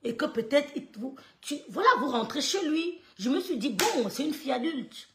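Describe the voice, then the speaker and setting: Woman, higher voice, animated casual storyteller, roomy echo. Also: moderate pace, a little hiss or hum. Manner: swings loud and soft, quotes others, stammers and laughs. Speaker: storyteller recounting gossip.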